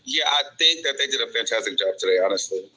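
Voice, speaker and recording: A man's voice: mid-range voice, expressive, fast talker, sharp tone, rough recording. A man joining a live stream as a guest, rambling loosely and unsure what to say. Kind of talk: casual on-the-street chat.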